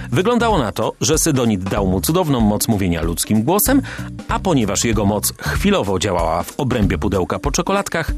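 A man narrating a first-person detective story for a radio audiobook in a wry, expressive way. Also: mid-range voice.

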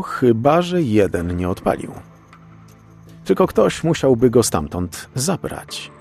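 A man's voice: lowish voice, a little mellow. A man voicing a jovial middle-aged male forensic expert who lectures and teases his junior in an audiobook. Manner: teasing, lecturing like a professor.

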